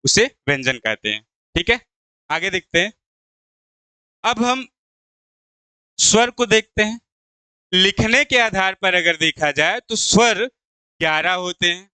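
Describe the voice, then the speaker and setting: A man teaching a Hindi exam-prep video lesson. He asks his viewers a question, answers it himself, and slowly repeats the key terms. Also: high voice, lively intonation, pushed and bright, clean tone, dry recording. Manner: addresses viewers as "friends".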